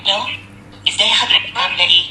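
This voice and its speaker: A man's voice: high-pitched, fairly even intonation, sharp tone, reverberant, slight background noise. A man doing a woman's voice, playing an anxious, complaining female patient with an Egyptian Arabic accent in a prank phone call. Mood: polite. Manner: rapid, dramatic complaining.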